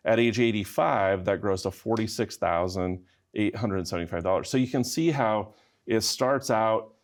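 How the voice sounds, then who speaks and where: A man co-hosting a financial advice show, calmly walking through figures one step at a time. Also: lowish voice. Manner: measured, walks through numbers step by step. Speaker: financial advisor co-host. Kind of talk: explanatory radio talk.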